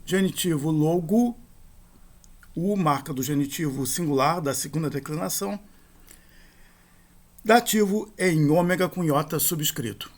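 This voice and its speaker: A man's voice: a little high, a little slow, long pauses. Methodical man teaching Greek grammar. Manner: methodical, spells out endings and accent rules. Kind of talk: recorded grammar lesson.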